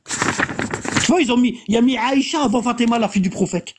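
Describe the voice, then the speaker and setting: A speaker leading a casual religious discussion, reading Arabic passages aloud and translating them with many pauses and fillers. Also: medium pitch, background noise. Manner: explanatory, halting, many fillers, reads Arabic texts aloud then translates; keeps pointing listener to the text.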